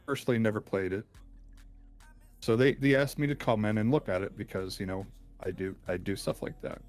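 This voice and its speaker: A man speaking through a deep, pitch-shifted voice changer as an interviewed hacker, explaining in a hesitant, rambling way with many ums and restarts. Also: steady tone, a little fast, darkish tone, soft background music. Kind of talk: casual call-in interview.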